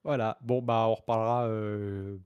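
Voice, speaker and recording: A man's voice: lowish voice, little pitch movement, unhurried, clear, resonant tone, dry recording, dull audio. A man hosting a casual podcast, leading the talk and putting questions to his guests. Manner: leads the talk and asks questions. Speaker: podcast host.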